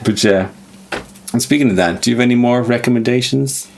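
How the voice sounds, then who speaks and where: Man, podcast co-host, lively storyteller, quick with impressions. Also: medium pitch, vocal fry, slight background noise. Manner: animated storyteller, slips into impressions, laughs often. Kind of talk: casual chat.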